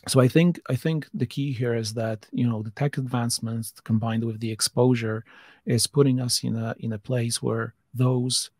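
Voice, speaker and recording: A man speaking on a podcast panel with a gravelly, husky voice that sounds close and dry. He builds his points slowly, repeating words and restarting phrases as he thinks them through. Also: medium pitch, steady tone, darkish tone, dry recording. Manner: thinks aloud with many restarts and fillers. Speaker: podcast guest, voice tech company founder. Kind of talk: casual panel discussion.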